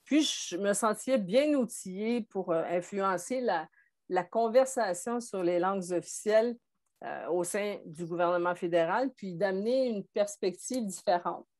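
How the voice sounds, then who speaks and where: A woman's voice: mid-range voice, unhurried, darkish tone. A woman in her sixties from Montreal with a Québécois French accent, a podcast guest telling her story in a thoughtful way with frequent hesitations. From Montreal, Quebec. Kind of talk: conversational interview.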